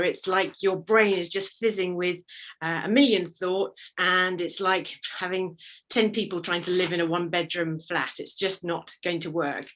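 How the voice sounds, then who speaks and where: A woman's voice: on the low side, fairly bright tone, low-quality recording. A woman speaking for a charity from outdoors on a video call, out of breath, laughing and full of fillers and restarts.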